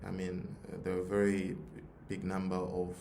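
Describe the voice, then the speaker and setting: A deep, monotone voice with vocal fry and a darkish tone belongs to this man, who speaks at a moderate pace with a Tanzanian accent. As a youth nonprofit leader at a forum, he gives an earnest motivational talk with a personal story, repeating phrases for emphasis. The audio is roomy and echoey, with audible background noise.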